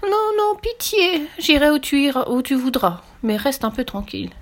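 A woman voicing an indignant, grumpy female shark in a storybook reading, with loud, shrill outbursts. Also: big pitch swings, slow, exaggerated voice.

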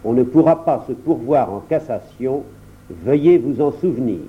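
A man's voice: medium pitch, lively intonation, natural voice. A man doing a stern, formal judge. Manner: formal, measured pronouncements. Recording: dull lo-fi recording.

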